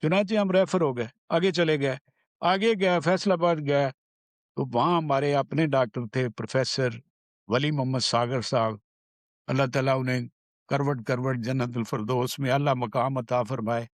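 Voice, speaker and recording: A man from Pakistan, earnestly telling the story of his survival in an unhurried way. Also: medium pitch, no echo. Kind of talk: personal storytelling.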